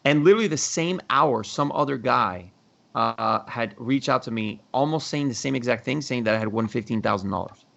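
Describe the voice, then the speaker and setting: A man hosting a casual podcast, telling stories in an animated, profane way. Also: medium pitch, normal speed, creaky, highs cut off. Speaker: podcast host.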